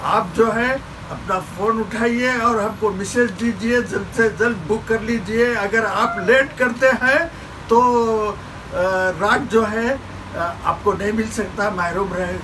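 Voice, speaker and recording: An older man selling fishing reels from his shop counter, repeating model names in a persuasive sales pitch. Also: fairly even intonation, slow pace, noisy background. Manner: repetitive, persuasive salesman patter, urging viewers to buy. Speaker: fishing tackle shop seller. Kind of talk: product showcase sales pitch. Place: small shop packed with shelves, indoors.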